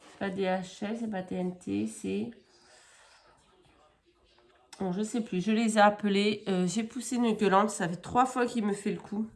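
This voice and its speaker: A woman's voice: mid-range voice, steady tone. A woman chatting casually in a crafting haul vlog, rambling and correcting herself with many fillers as she shows items at home. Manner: chatty and unhurried. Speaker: crafting vlogger.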